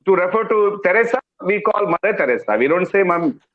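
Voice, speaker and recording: A man's voice: sits high, expressive, fairly quick, echoey room. A middle-aged man with a Tamil-influenced Indian English accent, lecturing as an English professor, repeating key words emphatically with many hesitant fillers. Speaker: English professor giving a webinar talk. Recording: dull lo-fi webinar audio.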